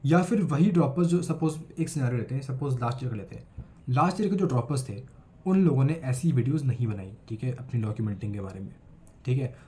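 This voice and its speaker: This 18-year-old Indian-accented student vlogger talks earnestly to the camera in a casual video while getting over a cold, blending Hindi with English. His mid-range voice is mellow and animated, and he speaks fast.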